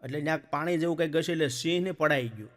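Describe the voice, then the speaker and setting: A man tells village jokes with a lively, animated delivery. His voice sits high and ringing. He is heard in a hall with long reverb. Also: rapid-fire. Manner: lively joke-telling, acts out villagers and animals. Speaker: stand-up comedian. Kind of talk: folk comedy storytelling.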